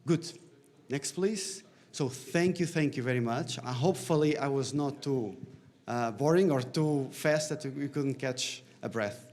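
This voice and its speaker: A man gives a technical software presentation as a conference speaker. His voice is of average pitch for a man. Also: unhurried.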